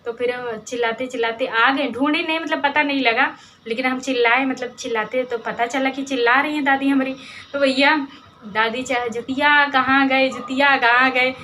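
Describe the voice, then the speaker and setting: A woman's voice: high-pitched, steady tone, moderate pace, sharp tone, slight background noise. A young woman telling casual stories about her village childhood, rambling and chatty. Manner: rambling, chatty, many fillers and restarts. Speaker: vlogger.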